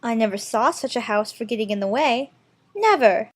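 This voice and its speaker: A woman's voice: high voice, normal speed, pitched above the performer's own voice, natural voice. A woman voicing a polite, curious little girl in a storybook, with an earnest manner. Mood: exasperated. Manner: earnest, questioning. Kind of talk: storybook character voice.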